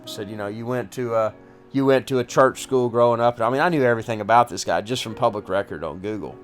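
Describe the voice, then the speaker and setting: A man hosting a podcast, telling his own story in a casual, halting way with many restarts. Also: mid-range voice, faint music behind. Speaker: podcast host recounting personal story. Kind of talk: casual first-person storytelling.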